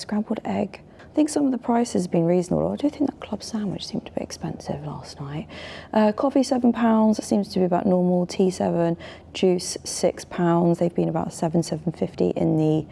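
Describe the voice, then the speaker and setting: Chatty woman with a gravelly low voice. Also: a little hiss or hum. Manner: chatty and candid, drops into soft near-whispered asides. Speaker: hotel and food reviewer, channel host. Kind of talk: casual review vlog. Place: hotel room, indoors. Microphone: small wireless clip-on mic.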